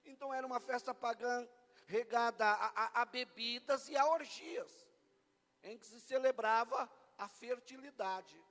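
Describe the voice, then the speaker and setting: A man with a Brazilian Portuguese accent preaching a lively Easter sermon as pastor, bantering playfully with his congregation. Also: extremely high pitch, measured pace. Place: church hall. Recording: long church hall reverb.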